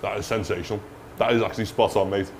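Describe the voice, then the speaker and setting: A man's voice: fairly low pitch, fairly even intonation, fast, a little hiss or hum. Young Liverpool-accented man, matey and slangy. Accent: Liverpool Scouse. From Liverpool, England. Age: 20s. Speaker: presenter. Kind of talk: casual food review chat to camera. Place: small tiled chip shop, indoors. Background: music.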